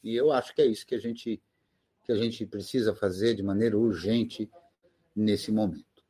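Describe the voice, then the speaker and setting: A man's voice: fairly low pitch, fairly even intonation, moderate pace, warm tone, breathy edge. A man speaking as a guest panelist in an emphatic, impassioned way. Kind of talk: casual live-stream discussion.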